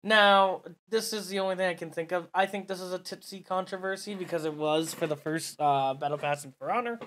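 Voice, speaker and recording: A man hosts a loose gaming podcast among friends. His voice is bright and forceful, and he chats freely, swearing casually and laughing often. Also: high-pitched, fairly even intonation, fairly quick, slight background noise. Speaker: podcast host.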